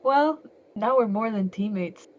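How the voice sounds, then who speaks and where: A woman's voice: mid-range voice, unhurried, darkish tone, dull audio, lightly acted. A woman voicing a chaotic, bratty young female fiend in a comedic fan dub, bossy and blunt. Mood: scheming. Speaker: fan voice actor.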